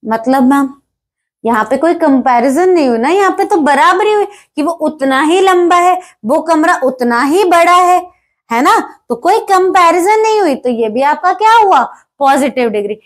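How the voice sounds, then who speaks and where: A woman gives a step-by-step grammar lesson in a high, expressive voice. She pauses often to confirm students are with her, reading the English example sentences slowly.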